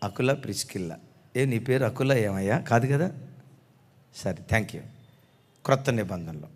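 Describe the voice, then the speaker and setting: A man's voice: lowish voice, expressive, moderate pace, slightly rough, big-room sound. A man preaching a sermon as pastor, calling on the congregation to respond.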